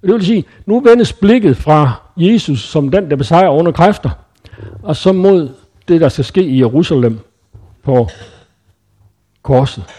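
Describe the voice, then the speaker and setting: A man's voice: fairly high pitch, lively intonation, pauses often, warm tone. A man preaching in a conversational Bible-teaching style, thinking aloud with frequent hesitations and self-corrections.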